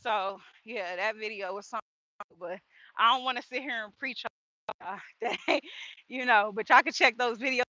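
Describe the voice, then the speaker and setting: Chatty high-voiced woman on a walk. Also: normal speed, sharp tone, no room sound, lo-fi sound. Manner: chatty, faith-focused, laughs often. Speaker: vlogger. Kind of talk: casual walk-and-talk vlog. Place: outdoors on a walk.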